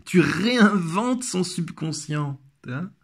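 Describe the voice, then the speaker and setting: A man's voice: high voice, lively intonation, slow pace, creaky. A man giving a comic book analysis in a familiar tone who speaks directly to the viewer and savors the lines he quotes. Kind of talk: video analysis commentary.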